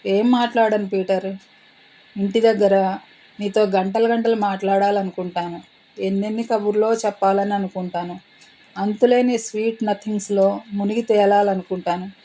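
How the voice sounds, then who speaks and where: A woman reading the lines of a young woman in love, earnest and quick to retort. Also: medium pitch, steady tone, warm tone, close to an everyday voice, rough recording. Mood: tender. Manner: earnest, pleading.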